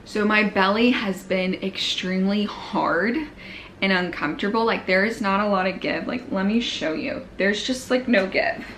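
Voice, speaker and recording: A woman's voice: mid-range voice, moderate pace, a bit bright, a little hiss or hum. A young woman casually recapping her pregnancy on a vlog, slightly out of breath, with lots of "like" and fillers. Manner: chatty, filler-heavy, frequent "like". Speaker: vlogger.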